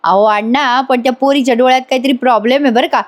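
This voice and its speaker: High-voiced chatty woman narrator. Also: fairly even intonation, fast talker. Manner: chatty, amused. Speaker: serial review narrator. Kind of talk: voice-over episode retelling.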